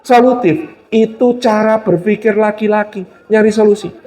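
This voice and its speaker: A man's voice: high voice, fairly even intonation, moderate pace, dark tone. A male Islamic preacher giving a religious lecture, telling stories with humor and acted-out quotes. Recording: roomy hall, distant mic.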